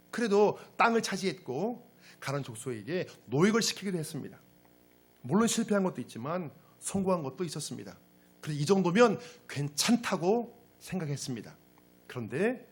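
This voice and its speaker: A male pastor delivers a sermon in a slightly husky, fairly high voice. His pitch rises and falls with great animation. He talks straight to the congregation and drives his points home with dramatic, emphatic questions. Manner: addresses the congregation directly. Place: church service.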